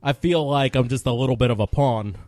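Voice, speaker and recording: A man co-hosts a loose podcast and keeps the others laughing with dry, teasing remarks. His voice sits at a middle pitch. The sound is close and dry. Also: a little fast, a little mellow, no room sound. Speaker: podcast co-host. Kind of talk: casual podcast chat.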